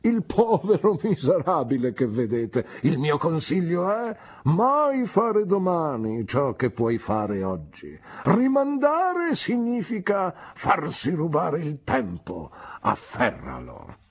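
A woman reading an audiobook, voicing a pompous, grandiloquent middle-aged man who talks in slow, theatrical, emphatic declamations. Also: low voice, huge pitch swings, slightly rough, pitched above the performer's own voice, heavily acted. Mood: declaiming.

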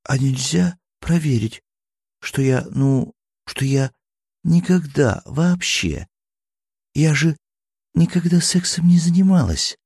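A naive young girl, flustered and halting, speaking higher than the narrator's own voice, as a man puts her on. The read is dry and close to the mic, a storybook reading. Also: animated, vocal fry, darkish tone, slightly rough, no room sound, exaggerated voice. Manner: raised pitch, hesitant, halting.

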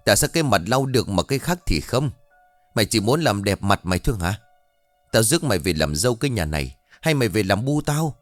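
A man voicing a bossy, spiteful old mother-in-law who shouts and hisses insults at her daughter-in-law. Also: on the low side, sing-song, fast, no room sound, soft background music. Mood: scolding. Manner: harsh, shouting, hissing insults.

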